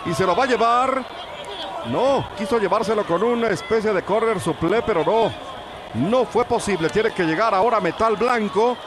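Mexican guy calling wrestling live, pretty high voice, noisy crowd behind him. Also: normal speed. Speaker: lucha libre TV play-by-play commentator. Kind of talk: live sports commentary.

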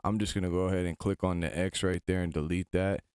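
A man's voice: low-pitched, steady tone, fast talker, darkish tone, clean tone, no echo. A man hosting a screen-recorded tutorial, chatting informally as he gives step-by-step instructions into a close mic. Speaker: tutorial host.

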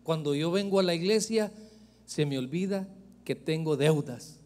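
A man's voice: on the high side, normal speed, darkish tone, in a large hall. A male pastor preaching a sermon, emphatic and joking as he speaks straight to the congregation. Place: church sanctuary.

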